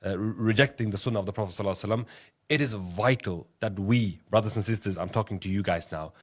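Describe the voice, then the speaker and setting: Male lecturer, low voice, earnest and measured delivery. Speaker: speaker in a played debate clip. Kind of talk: lecturing commentary.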